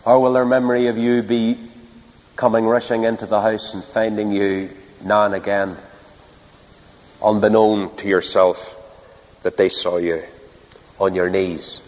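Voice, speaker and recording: Northern irish guy preaching, earnest, big pauses, long echo of a big hall. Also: fairly low pitch, flat delivery, a little mellow. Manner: earnest, rhetorical repetition and dramatic pauses. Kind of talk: sermon to a congregation. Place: large hall or church, speaking to a live audience. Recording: long reverb of a large hall.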